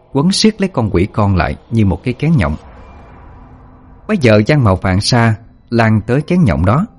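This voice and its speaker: Low, lively male horror storyteller. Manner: dramatic, expressive storytelling.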